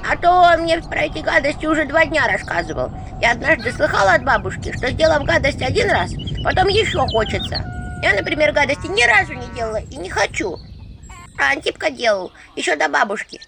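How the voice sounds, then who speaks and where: A woman voicing a small, fluffy female imp who frets and squeaks her anxious, chatty pleas. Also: big pitch swings, fairly quick, gravelly, background noise, exaggerated voice. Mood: fretful, squeaky. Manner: squeaky, fretful, rising pleas. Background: background music.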